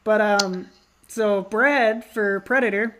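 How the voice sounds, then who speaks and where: Woman, podcast co-host, casual movie chat, teasing, middle pitch. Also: takes it slowly, a bit bright, a little hiss or hum. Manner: joking, teasing, lots of ums.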